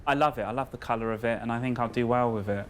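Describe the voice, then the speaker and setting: A man's voice: mid-range voice, rapid-fire, loud music behind the voice. A man who works as a dealer, talking casually to camera. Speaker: second-hand dealer.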